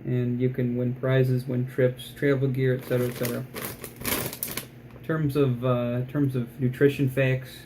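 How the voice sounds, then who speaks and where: A man giving a casual food review in a low-key, rambling, dryly joking way. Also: completely flat delivery, moderate pace, noisy background. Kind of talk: casual product review vlog.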